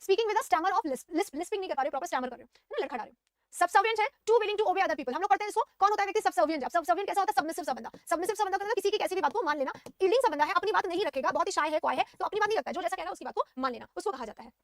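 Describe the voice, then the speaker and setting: Fast, high-voiced Hindi vocabulary teacher woman. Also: animated. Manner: explains words in Hindi, reads English definitions slowly; asks and answers her own questions, frequent "ठीक है?". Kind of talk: vocabulary lesson.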